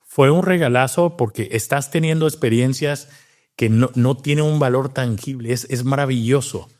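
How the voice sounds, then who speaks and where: Cuban-born guy, doctor being interviewed, thinks out loud, lots of little restarts. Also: medium pitch, normal speed. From Cuba. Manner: reflective, with many fillers and restarts. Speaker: guest, doctor and scientist. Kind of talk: casual interview talk.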